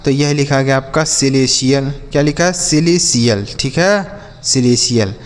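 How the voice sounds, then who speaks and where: Heard in a large hall, a man with a smooth, medium-pitched voice speaks at a normal speed. He's an English teacher hosting a channel's spoken English lesson, spelling words letter by letter, repeating, quizzing students he calls children, and addressing viewers as children and brother.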